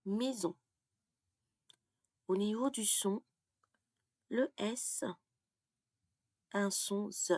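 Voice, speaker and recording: Slow, gravelly-voiced woman teaching pronunciation. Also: medium pitch, steady tone, darkish tone, no room sound. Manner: slow and deliberate, often drops to a half-whisper while writing. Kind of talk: slow explanatory lesson while writing on a board.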